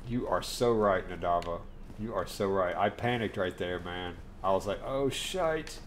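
A man with a low, steady voice talks at a normal speed, with slight background noise. He's streaming a game live from his desk at home, speaking straight to his chat while giving gameplay commentary, and he gets worked up easily and swears.

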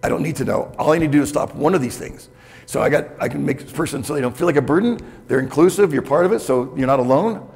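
An older man with a gravelly edge speaks at a middle pitch, talking candidly and conversationally to a conference audience and often checking in with the room. His voice rings with the long reverb of a hotel conference hall. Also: animated, fast, a little mellow. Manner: candid, conversational, with frequent "okay?" check-ins. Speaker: keynote speaker. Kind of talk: conference keynote talk.

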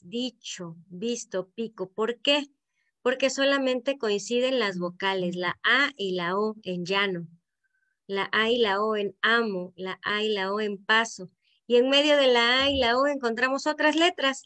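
A woman's voice: a little high, fairly bright tone. Veracruz Mexican woman teaching a poetry workshop. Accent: Veracruz Mexican Spanish. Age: middle-aged. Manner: explanatory, asks the group to check in with frequent "¿no?". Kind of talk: online workshop lesson. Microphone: video call.

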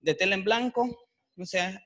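A man, an artisan guest, explaining a natural dyeing technique to a workshop group, often pausing with fillers as he thinks. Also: high voice, a bit bright. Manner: explanatory, hesitant, fills pauses with "eh" and "este". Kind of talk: demonstration talk. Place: workshop room with attendees.

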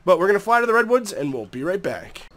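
A young man with a cold gives easygoing, chatty gameplay commentary, talking to the creatures on screen in a stuffy, nasal voice. He sits high in pitch, sounding sing-song and fairly bright, and talks quickly.

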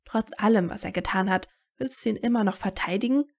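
A woman's voice: mid-range voice, fairly quick, vocal fry. A woman voicing a determined teenage wizard hero with a blunt, sarcastic way of talking in a fan audiobook. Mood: blunt, tense.

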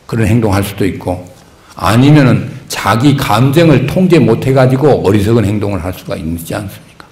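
A man's voice: medium pitch, a little mellow. A man, a Buddhist monk, giving a conversational sermon with rhetorical questions and acted-out everyday speech. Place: temple hall. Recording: echoey temple hall.

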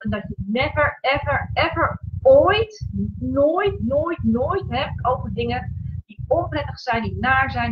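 A woman hosting a casual live stream from home, her voice pitched a little high. She talks haltingly, stopping and restarting with lots of fillers. The sound is dull and lo-fi, picked up by a laptop mic. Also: noisy background. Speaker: livestream host, coach.

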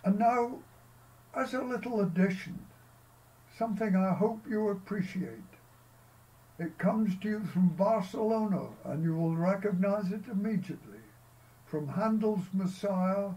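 An older man from Scotland leading a church service, delivering prayers and a short sermon in a solemn, measured way, recorded by a far camera outdoors in a field. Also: sits high, dark tone.

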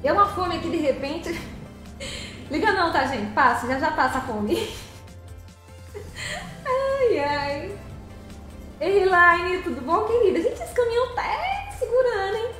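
A woman's voice: very high voice, sing-song, measured pace, pauses often, fairly bright tone, very echoey, soft background music. A woman, live streaming as she drives a truck game, cheerfully greeting viewers by name and giggling.

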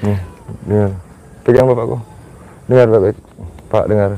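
A man's voice: lowish voice, fairly even intonation, normal speed, warm tone, slight background noise, rough recording. A man playing a cleric who performs an exorcism, giving stern commands and chanting prayers in long melodic lines. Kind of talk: staged ruqyah drama with chanted prayers.

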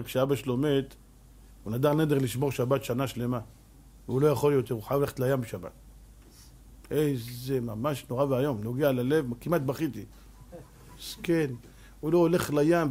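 A man's voice: mid-range voice, husky. A man giving a sermon as a rabbi, telling stories and acting out both sides of the dialogue. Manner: animated storyteller who acts out dialogue, often laughing.

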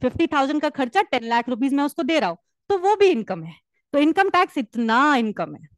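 A woman teacher giving a lively, teasing classroom lecture, switching between two languages and joking with students. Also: high-pitched, brisk, no room sound. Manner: lively, teasing, mixes Hindi and English.

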